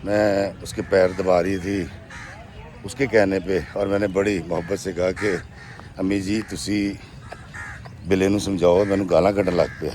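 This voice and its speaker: A man's voice: deep voice, flat delivery, a little mellow, a little hiss or hum, pitched below the performer's own voice, natural voice. A man voicing a meek, mistreated young wife. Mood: sad.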